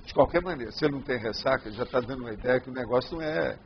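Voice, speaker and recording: A man's voice: medium pitch, rapid-fire, a little hiss or hum. A man with a Brazilian Portuguese accent, answering audience questions in a loose, rambling lecture and often checking that he is understood. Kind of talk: informal lecture Q&A. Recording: dull lo-fi sound.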